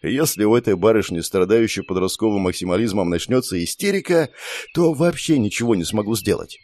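A man narrating a first-person audiobook in a steady, even storytelling manner. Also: lowish voice, fairly quick, no room sound.

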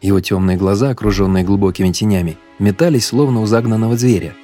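A man narrating an audiobook in a steady, measured storytelling manner. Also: fairly low pitch, faint music behind.

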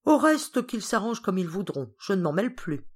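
A woman's voice: medium pitch, sing-song, moderate pace, a little mellow, breathy edge. Woman doing a chatty fussy old-maid cousin. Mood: piqued. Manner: talkative, insistent.

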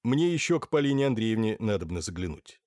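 A man's voice: lowish voice, sing-song, brisk, darkish tone, no room sound. A man voicing a polite, reserved male doctor in an audiobook, courteous and dry. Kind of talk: audiobook character voice.

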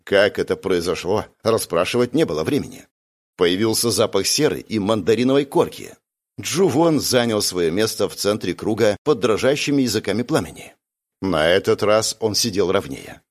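Expressive male audiobook narrator. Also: lowish voice, moderate pace. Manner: expressive, lively storytelling. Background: music.

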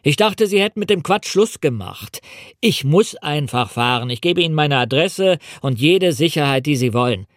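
A man's voice: on the high side, lively intonation, moderate pace, no room sound, clean studio sound, natural voice. A man reading the part of an impatient young man, irritated and pleading.

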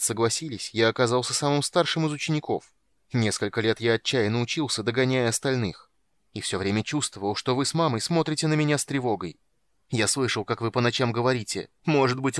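A man's voice: lowish voice, no room sound, close to an everyday voice. A man reading an audiobook, voicing an impassioned young male mage who speaks in a raised, strained, defiant way.

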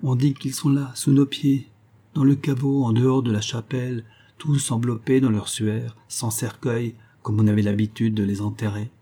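A man voicing a young frightened noblewoman in love in a storybook reading, speaking in an anxious, hushed, pleading way. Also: medium pitch, flat delivery, moderate pace, slightly rough.

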